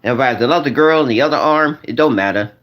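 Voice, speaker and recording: A man's voice: medium pitch, fast talker, highs cut off. A man in his forties rambling to his viewers in a casual monologue, repeating phrases over and over and using slang. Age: 40s. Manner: repetitive, restarts and repeats phrases; slangy, addresses viewers as y'all. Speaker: vlogger.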